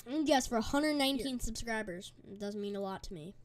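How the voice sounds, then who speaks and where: High-voiced woman hosting a storm stream. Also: fast talker. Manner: reads chat aloud, urgent safety warnings, chatty; talks while eating. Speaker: livestream weather host. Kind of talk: live storm-tracking commentary.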